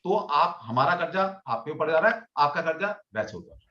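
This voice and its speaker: A man with a voice somewhat high in pitch gives earnest advice as a teacher. His voice echoes around the room. The sound is a little dull. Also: animated, moderate pace. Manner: earnest, advising. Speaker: teacher, webinar host. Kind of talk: casual panel chat.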